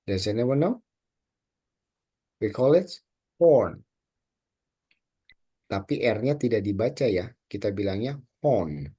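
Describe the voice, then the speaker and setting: Slow husky teacher with an Indonesian accent. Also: male voice, on the low side, sing-song, dark tone. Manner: slow, drills words for the class to repeat. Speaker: English teacher. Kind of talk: children's vocabulary lesson.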